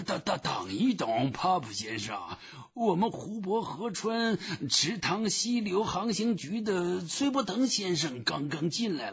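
A man's voice: sits high, fairly bright tone, breathy edge, pitched above the performer's own voice, full character voice. A man voicing a hesitant, fussy male clerk on the telephone who keeps stammering "uh". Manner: filler-laden, stammering "uh". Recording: dull lo-fi recording.

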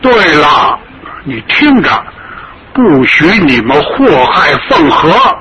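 Man doing a defiant old grandfather, loud and high-pitched, indignant, noisy radio recording. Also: animated, a little slow, lo-fi sound. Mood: challenging.

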